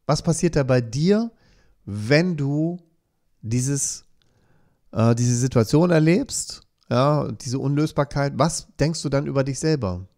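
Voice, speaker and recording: A man's voice: mid-range voice, takes it slowly, a little mellow. A man hosting a live coaching show, reading viewer comments aloud in an earnest way and often checking in with a questioning "ja?". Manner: earnest, keeps adding questioning "ja?" tags.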